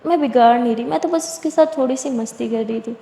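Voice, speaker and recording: A woman voicing a tough, guarded young woman on the run in a spoken love story, in a soft, plain storytelling manner. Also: fairly high pitch, lightly acted. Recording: echoey room, long reverb, faint hiss.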